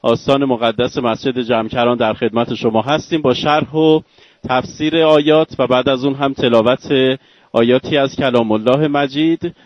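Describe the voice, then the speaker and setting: A man's voice: mid-range voice, fairly even intonation, no room sound. A man hosting a live religious broadcast, speaking in a formal, ceremonious manner. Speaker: host reporting live from a mosque. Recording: dry, dull lo-fi sound.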